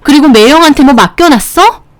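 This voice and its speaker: A woman's voice: high-pitched, expressive, a little fast, pitched above the performer's own voice. A woman voicing an exasperated young wife who argues back with her family in a dramatized story reading. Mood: indignant. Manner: indignant, raised voice.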